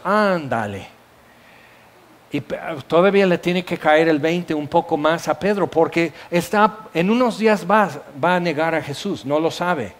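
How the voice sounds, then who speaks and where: A middle-aged man with a Mexican accent preaching a sermon, telling stories with sound effects and asides. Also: high-pitched.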